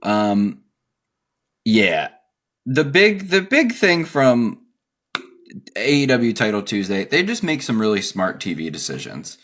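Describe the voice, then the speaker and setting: A man's voice: on the low side, sing-song, slow, pauses often, a bit bright. A man co-hosting a podcast, talking casually, laughing often and working through his notes. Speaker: podcast co-host.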